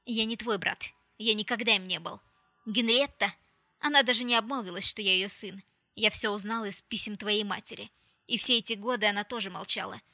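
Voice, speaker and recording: Bitter hissing young guy, cruel and menacing, read by a woman in her own bright voice. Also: mid-range voice, brisk, dry recording. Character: cruel, bitter young man gripping his sister.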